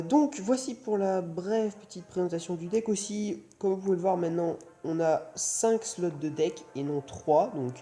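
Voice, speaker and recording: With music running in the background, a young man rambles hesitantly through casual commentary while hosting a gaming video. He is recovering from wisdom teeth surgery and his mouth hurts. His voice sits high and has a mellow quality.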